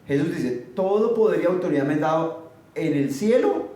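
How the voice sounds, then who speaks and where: A man's voice: a little high, expressive, normal speed, dark tone. A man preaching a sermon emphatically, firing rhetorical questions at his listeners. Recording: very echoey, far from the mic, faint noise.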